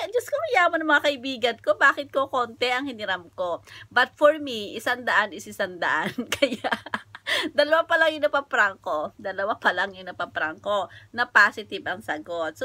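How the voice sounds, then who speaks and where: Bright, giggly Filipino woman vlogger. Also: high voice, dry recording. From Philippines. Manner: giggly, laughs often between lines; chatty, addresses viewers directly. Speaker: vlogger making prank calls. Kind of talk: casual chat. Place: home flat.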